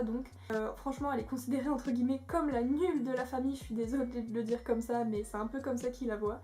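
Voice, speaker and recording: Young woman, casual chatty review, lots of fillers, mellow tone. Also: fairly high pitch. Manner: chatty, enthusiastic recommendations with many fillers. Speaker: video creator.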